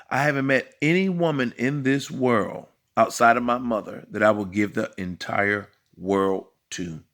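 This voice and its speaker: A man's voice: mid-range voice, fairly bright tone. A man in his fifties, a coach, giving an emphatic, repetitive motivational talk to men. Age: 50s. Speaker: dating and life coach. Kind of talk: motivational monologue.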